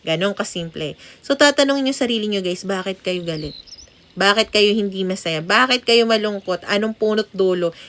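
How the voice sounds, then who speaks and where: A woman's voice: medium pitch, a bit bright. A young woman giving a casual tarot reading, chatty and full of tag questions, mixing English into her talk. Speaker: tarot reader.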